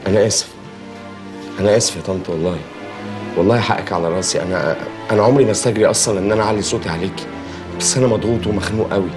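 An actor playing a stressed Egyptian husband who speaks defensively with an Egyptian accent. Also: male voice, fairly low pitch, rapid-fire, music in the background, lightly acted. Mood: apologetic. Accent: Egyptian Arabic. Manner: irritable, defensive.

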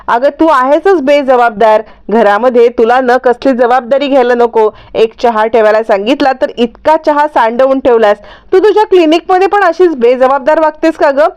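A woman doing a sharp-tongued scolding mother-in-law. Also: sits high, normal speed, clean tone, lo-fi sound, close to an everyday voice. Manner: scolding, nagging.

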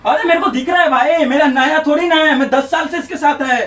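A man from Bihar working in a small salon, arguing forcefully and bossily, repeating his demands for respect. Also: very high voice, brisk. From Bihar, India. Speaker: salon barber. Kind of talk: heated argument in a prank video. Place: small salon shop indoors. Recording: echoey room, voice from far off.

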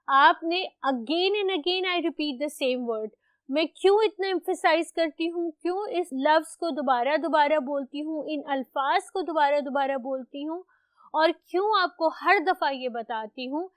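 A woman teaching an English lesson. She speaks slowly and deliberately, repeating and stressing words, and moves between Urdu and English explanations. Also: high-pitched, a bit bright, no room sound. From Pakistan. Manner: deliberately slow, repeats and stresses each word. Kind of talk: recorded classroom lecture.

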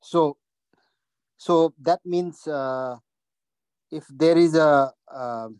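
Halting Nepali-accented man on a call. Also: a little high, darkish tone, clean tone, no echo. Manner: halting, many uhs and restarts. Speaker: audience member asking a question. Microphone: video call audio.

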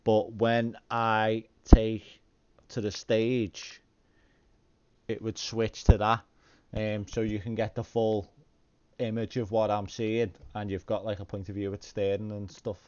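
A man hosts casually from his home rig with a smooth, clear voice. His delivery is monotone and informal, feeling its way through explanations. The recording is a little dull and muffled. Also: fairly low pitch, slow. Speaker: sim racing video host. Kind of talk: casual talk to viewers. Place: indoor home sim rig.

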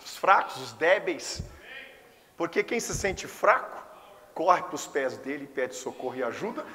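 Bright-voiced Brazilian preacher in a reverberant hall. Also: male voice, a little high. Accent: Brazilian Portuguese. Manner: impassioned, swings from hushed to exclaiming. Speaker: pastor. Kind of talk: Pentecostal sermon. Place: church service.

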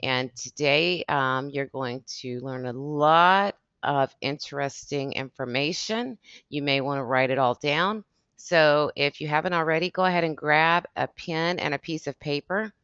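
A woman acting as emcee, introducing a webinar in a friendly, brisk way. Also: sits low, a bit bright, clear, resonant tone, no room sound, dull audio.

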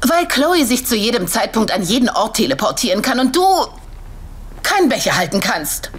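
A middle-aged woman playing a brisk, matter-of-fact mother in dubbed children's TV comedy. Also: a little high, sing-song.

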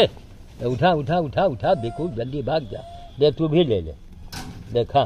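A man's voice: mid-range voice, a little mellow, slight background noise. An older man talking outdoors, coaxing animals he is feeding and giving chores to a helper in between. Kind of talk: casual outdoor narration.

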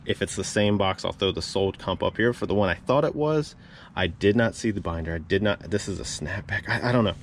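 In an excited unboxing vlog shot with a head-mounted action camera, a man rummages through a storage unit, repeating exclamations in amazement. He talks a little fast in a low-pitched voice, with slight hiss or hum in the audio.

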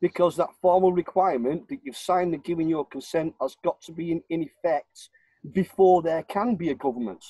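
Via webcam from his living room, an older Warrington man, northern English in accent, speaks as a guest on a home video call, emphatic and insistent and given to repeating himself. His voice is a little high, fairly quick, warm and breathy at the edges. The audio has no echo but is rough.

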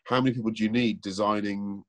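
A man's voice: fairly low pitch, fairly even intonation, fast. A man, a car presenter, giving opinionated, thoughtful answers in a casual interview over a remote call, with frequent restarts. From England.

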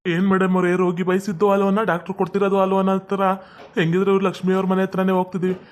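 A man playing a fussy middle-aged village father in a comedy sketch, coaxing and monotone. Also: high voice, fast talker, lightly acted.

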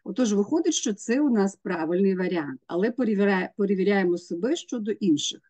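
Female teacher, mid-pitched and warm, patient step-by-step exam explainer. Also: expressive, brisk. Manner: explains step by step, spells out letters and sounds. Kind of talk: exam prep lesson.

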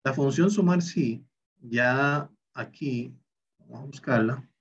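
A man's voice: mid-range voice, slow pace, recorded from a distance, a little hiss or hum. A man teaching a recorded online spreadsheet class, explaining each step and talking through every calculation aloud. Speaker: Excel instructor. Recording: slightly dull, lo-fi recording.

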